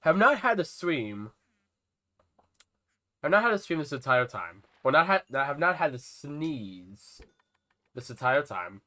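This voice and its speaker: Lively, stuffy-nosed male game streamer. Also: on the high side, unhurried, long pauses. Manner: chatty, rambling, talks to his viewers and to game creatures. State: stuffy nose, nasal and about to sneeze. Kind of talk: casual live-stream chat while playing.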